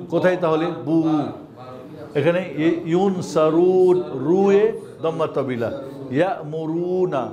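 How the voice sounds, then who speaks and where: Sing-song Bangladeshi Bengali teacher man. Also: fairly high pitch. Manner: chants spellings in a sing-song drill. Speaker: Quran reading teacher. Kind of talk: classroom lesson, spelling out letters.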